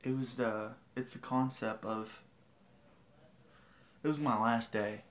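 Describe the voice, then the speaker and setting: A man's voice: medium pitch, fairly even intonation, slow pace. A teenage guy on a livestream, telling a story in a rambling, indignant way with many restarts. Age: teens. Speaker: vlogger.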